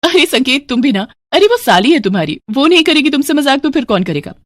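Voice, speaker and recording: A woman doing a brisk, practical young wife. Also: sits high, very animated, no room sound, clean studio sound, pitched above the performer's own voice. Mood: chiding. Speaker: narrator voicing a character. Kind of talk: storybook narration.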